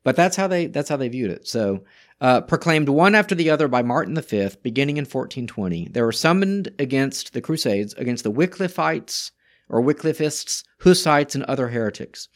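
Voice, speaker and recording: A man's voice: mid-range voice, expressive, moderate pace. Man talking history with restarts. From Czech Republic. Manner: reads from sources with frequent restarts. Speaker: podcast co-host. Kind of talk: casual history discussion.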